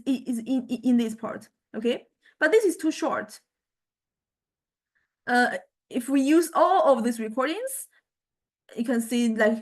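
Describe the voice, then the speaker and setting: A music technology lecturer, a woman with a slightly high voice, gives an informal software demonstration. She speaks haltingly and often repeats her words as she explains.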